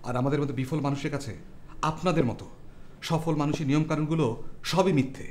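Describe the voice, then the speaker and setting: An actor playing a poor, idealistic writer tenant who speaks in formal, earnest, pleading phrases. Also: male voice, on the high side, fairly even intonation, quick pace, darkish tone, reverberant, slight background noise, natural voice. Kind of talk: TV drama acting.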